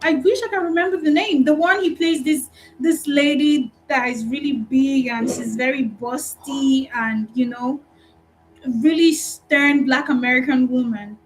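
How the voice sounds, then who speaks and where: A woman with a Nigerian accent, a customer support recruiter giving an animated, encouraging talk in a live online training session. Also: high voice, unhurried, faint music behind, rough recording.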